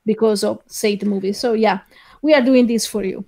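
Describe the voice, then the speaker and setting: A woman co-hosting a movie review, speaking as an in a deadpan, exasperated way. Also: mid-range voice, normal speed. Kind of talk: casual chat.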